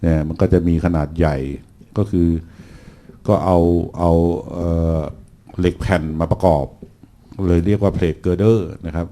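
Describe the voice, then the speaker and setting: A middle-aged man giving an engineering seminar lecture, relaxed and full of fillers, with dry jokes for the class. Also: sits low, measured pace.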